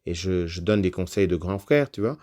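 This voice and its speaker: A man with a somewhat low voice recounts a personal story as a podcast guest. He talks in a loose, conversational way, dropping fillers as he goes. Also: lively intonation, moderate pace, darkish tone.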